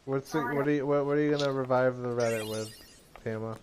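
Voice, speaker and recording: A man's voice: mid-range voice, steady tone, quick pace, darkish tone, slight background noise. A young man streaming and chatting casually with friends over voice chat, joking and playfully indignant.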